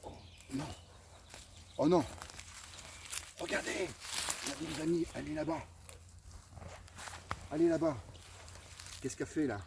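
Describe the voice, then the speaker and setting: A man's voice: a little high, fairly even intonation, a little slow, vocal fry, long pauses. Man, comic mock-hunt host, over-the-top outdoor commentary with birds and nature noise behind. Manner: exaggerated, theatrical, addresses viewers as friends. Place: outdoors in a forest.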